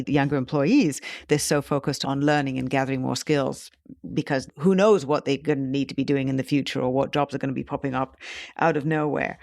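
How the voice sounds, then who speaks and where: A woman's voice: deep voice, creaky, darkish tone, no echo, studio quality. A woman hosting a podcast interview, enthusiastic and affirming. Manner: enthusiastic, affirming, frequent backchannel "yeah". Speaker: podcast host. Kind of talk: interview conversation.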